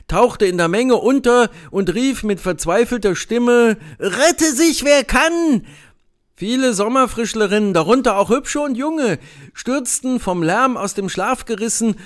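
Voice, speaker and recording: A man reading a literary story aloud with lively, dramatic storytelling. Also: high-pitched. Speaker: audiobook reader. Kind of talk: literary narration.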